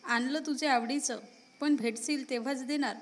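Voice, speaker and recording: Woman voicing a gruff teasing college guy. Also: sits high, steady tone, normal speed. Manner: scolding, blunt, secretly caring. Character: gruff teasing young male college student.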